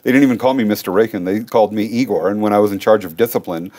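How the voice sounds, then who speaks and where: A man's voice: fairly low pitch, rapid-fire, warm tone. Firm, plain-spoken man explaining his case. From Russia. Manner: explains with everyday analogies, firm. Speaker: education law attorney, guest. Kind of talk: interview conversation.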